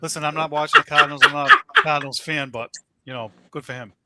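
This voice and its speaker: A man with a New England accent chatting in a laid-back way, trailing off quietly. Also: fairly high pitch, wildly swooping pitch, fast talker, heavy background noise. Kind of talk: casual chat.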